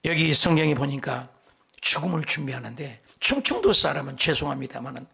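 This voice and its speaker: A middle-aged male pastor preaching a sermon, animated and joking, often dropping into emphatic whispers. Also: medium pitch, brisk, creaky. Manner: tells folksy jokes between scripture points.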